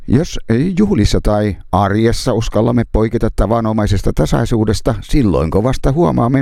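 A middle-aged man, a pastor, reading a scripted spoken essay in a measured, rhetorical way with dramatic pauses. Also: lowish voice, creaky, warm tone, no room sound, studio quality. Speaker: pastor and public speaker.

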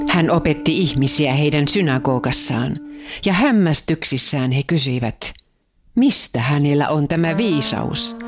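A speaker giving a measured, steady Bible reading. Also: mid-range voice. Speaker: scripture reader. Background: instrumental music.

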